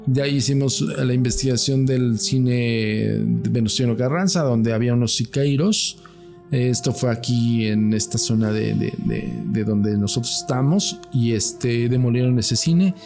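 A man's voice: mid-range voice, a little slow, gravelly, faint music behind. A man with a Mexican accent, a podcast guest telling his story in slangy, profane casual chat. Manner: slangy, profane, animated retelling. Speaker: podcast guest, paranormal investigator.

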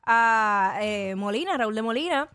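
A Puerto Rican woman co-hosts a radio talk show. Her voice sits high and sounds bright and lively. She chats loosely, laughs often and teases herself. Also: unhurried, clear, resonant tone. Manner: giggly, self-mocking, laughs often. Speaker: radio co-host. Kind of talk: casual radio banter.

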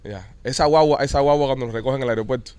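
A man's voice: medium pitch, very fast, clean tone, no room sound. A man, co-hosting a podcast, teasing his friends and telling stories with playful sound effects. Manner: teasing, storytelling with sound effects and shouted catchphrases. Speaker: podcast co-host. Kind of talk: rowdy casual banter.

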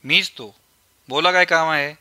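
A man's voice: on the high side, unhurried, smooth, dry recording. A male narrator voicing a kindly, jovial old man in a storybook reading, with a raised, crackly voice. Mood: courteous. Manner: warm, jovial, insistent.

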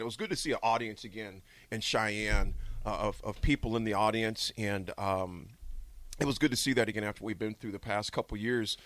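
A man's voice: fairly low pitch, no room sound. A middle-aged man hosting a radio show in a studio, telling stories with jokes and frequent laughter. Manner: animated, jokey storyteller who laughs a lot. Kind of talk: lively radio talk.

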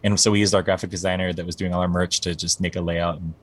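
In a casual interview, a male band singer in his forties, the guest musician, speaks fast in a low voice with a level tone. Rambling and full of fillers, he often starts his sentences over.

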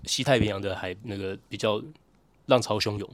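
Young male podcast co-host, Taiwanese Mandarin accent, slightly low pitch, quick casual delivery with wry humor. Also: steady tone. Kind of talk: casual chat.

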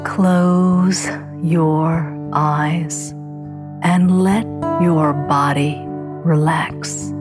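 A woman guiding an affirmation meditation in a soft, soothing spa-like manner with long pauses. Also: low-pitched. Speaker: meditation guide. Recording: guitar music behind. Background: calm plucked guitar music.

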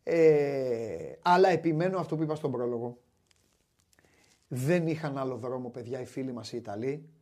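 A man hosting a basketball talk show, chatting animatedly and wryly, often restarting his sentences. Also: mid-range voice. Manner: animated, wry, many restarts. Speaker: sports show host. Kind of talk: casual basketball chat.

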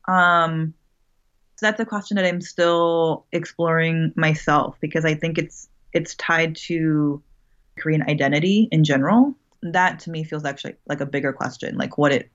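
A woman guest who teaches creative writing answers thoughtfully in casual conversation, sprinkling in lots of "like" and "right?". Her voice is low-pitched and steady, moving at a moderate pace. The audio is the muffled sound of a remote call.

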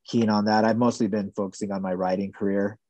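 A man speaking as a podcast guest, talking in a soft-spoken, measured and hedging way. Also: on the low side, level tone, no echo. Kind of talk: casual conversational interview.

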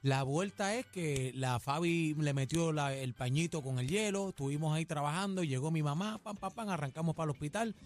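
A man's voice: a little high, brisk, hardly any pauses. A man with a Puerto Rican accent, telling a story on a radio show and acting out the voices in it. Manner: animated, acts out voices in his story.

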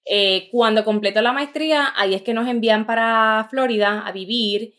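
A woman's voice: on the high side, normal speed, fairly bright tone. A woman in her thirties with a Puerto Rican accent, a career coach talking casually as a podcast guest, thoughtful and full of little fillers. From Puerto Rico. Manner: thoughtful, frequent "eh" and "¿verdad?" fillers. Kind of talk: casual interview chat.

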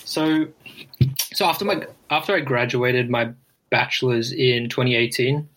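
Podcast guest: young man, reflective and halting in casual conversation. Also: mid-range voice, fairly bright tone, poor audio. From Brisbane, Australia. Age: 20s. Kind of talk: casual interview chat.

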